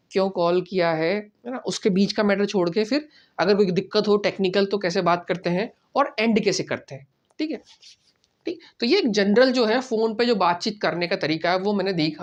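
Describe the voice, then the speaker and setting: A man teaching a casual spoken language lesson, explaining step by step, repeating phrases slowly and often checking in with "right?". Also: high-pitched.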